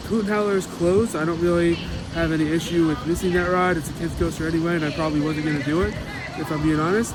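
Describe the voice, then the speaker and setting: A man's voice: on the high side, noisy background. A man giving casual, matter-of-fact roller coaster reviews as a vlogger outdoors at an amusement park. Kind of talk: casual vlog review to camera.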